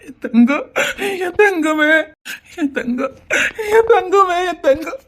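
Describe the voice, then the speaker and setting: A woman's voice: extremely high pitch, expressive, slow pace, exaggerated voice. A woman acting a tender, tearful father who has found his daughter again, with a Tirunelveli Tamil accent.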